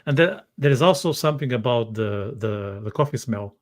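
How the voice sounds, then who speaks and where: Halting male podcast host, mid-pitched. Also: expressive. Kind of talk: casual interview chat.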